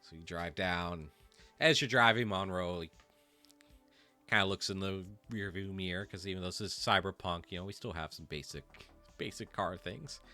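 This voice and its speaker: Man, game master, bright lower voice, casual halting delivery. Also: faint music behind. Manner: casual, halting, with many fillers. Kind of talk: running a tabletop game.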